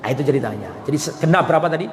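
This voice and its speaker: A man preaches in a high voice, telling stories and acting out quoted lines. He keeps asking his listeners questions. The sound rings in a large hall over faint ambient noise. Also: rapid-fire. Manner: lively storytelling, asks the audience questions, acts out quoted lines. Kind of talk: religious study lecture.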